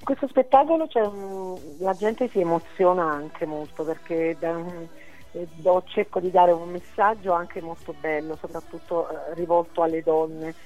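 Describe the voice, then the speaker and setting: A woman with a slightly hoarse, rather low voice chats over the phone as a radio guest. She jokes her way through her answers in a loose, talkative manner. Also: normal speed, a little mellow, soft background music, low-quality recording. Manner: chatty, joking. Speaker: comedian guest.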